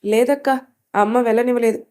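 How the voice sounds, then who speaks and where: A woman's voice: fairly high pitch, a little fast, warm tone, clear, resonant tone, lightly acted. Brief: sulky kid brother in a storybook voiced by a woman, whiny. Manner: whiny and complaining. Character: sulky young boy, easily riled.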